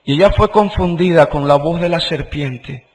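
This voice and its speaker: A man preaching a sermon, emphatic and deliberate, repeating phrases and swinging between loud exclamations and hushed low passages. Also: poor audio.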